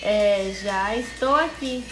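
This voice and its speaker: Hosting a relaxed live stream on Instagram from her home, this Brazilian psychologist in her thirties welcomes viewers and thinks aloud in chatty Brazilian Portuguese. Her mid-range voice moves at a slow pace, and the rough, reverberant recording has music behind it.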